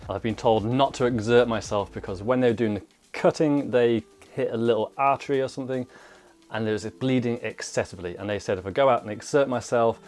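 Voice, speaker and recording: A man's voice: lowish voice, darkish tone. A man chatting casually to his vlog viewers, speaking slightly thickly as if the inside of his mouth is swollen. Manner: informal, chatty. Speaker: vlogger, mountain bike trials rider.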